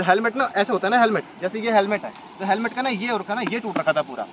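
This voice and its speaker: A young man vlogging outdoors, laying out his points one by one in an argumentative commentary. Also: high-pitched. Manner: argumentative, makes points in a row. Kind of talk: commentary vlog. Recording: slightly dull lo-fi sound with faint noise.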